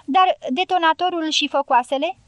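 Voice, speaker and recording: A woman's voice: very high voice, dry recording, voice pushed up. A woman reading the part of a resolute young male dynamiter in an audiobook, speaking firmly and steadily.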